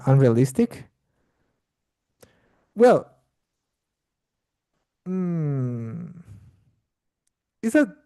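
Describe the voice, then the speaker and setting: This very dark-voiced man from Bolivia, a native Spanish speaker, pitches his voice fairly high and stumbles along, repeating words while hunting for the right ones. It's casual conversation practice at a language exchange, and the recording has no echo.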